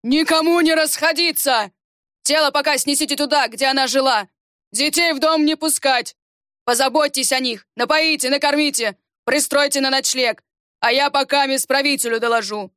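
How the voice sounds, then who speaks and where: A woman's voice: high-pitched, unhurried, pushed and bright, no room sound, clean studio sound, voice pushed up. A woman voicing a stern male guard captain who barks orders. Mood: commanding. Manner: barking orders.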